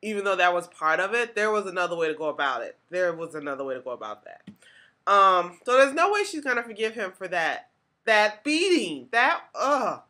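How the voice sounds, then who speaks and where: A woman's voice: on the low side, very animated, a little fast, bright, forceful tone. A woman hosting a podcast, talking through a TV episode in a chatty, casual way with lots of "like" and restarts. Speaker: podcast host.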